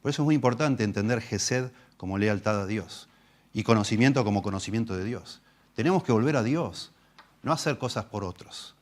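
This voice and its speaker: Rioplatense pastor guy preaching in church, lowish voice, punches words then drops to quiet asides. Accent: Rioplatense Spanish. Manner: emphatic, swings from loud stresses to low asides; reads scripture slowly and deliberately. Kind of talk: expository sermon.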